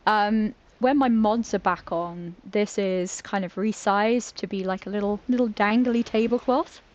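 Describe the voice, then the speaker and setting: Over lo-fi sound, a woman from Britain chats casually in a live stream while playing a game. Her mid-range, darkish voice is a little slow, and she giggles and pokes fun at herself as she fumbles words.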